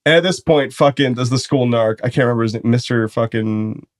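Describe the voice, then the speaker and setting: A man's voice: mid-range voice, fairly quick. A young man, a podcast co-host, telling rowdy stories in casual chat, swearing freely. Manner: animated, swearing, laughing through stories. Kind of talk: casual storytelling.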